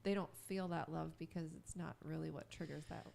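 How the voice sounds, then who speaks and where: A woman co-hosting a podcast in casual chat, rambling and giggly, with a strong vocal fry. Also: low-pitched, fairly even intonation, fairly quick, a little mellow. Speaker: podcast co-host.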